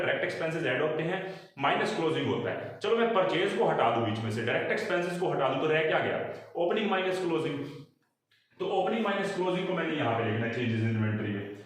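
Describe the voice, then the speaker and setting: A man teaches accounts in a lively voice, and his pitch swings up and down as he quizzes students and then answers for them. He sits a bit back from the mic in a very echoey room. He mixes with terms. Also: recorded from a distance. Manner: explanatory, asks students questions and answers them. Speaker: commerce teacher. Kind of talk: explaining accounts in a recorded lesson.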